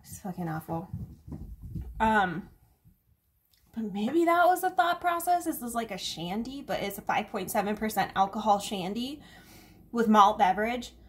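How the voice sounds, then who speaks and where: A woman's voice: mid-range voice, animated, normal speed, long pauses. A woman reviewing a drink in a casual vlog, chatty and sarcastic, full of fillers and swearing. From United States.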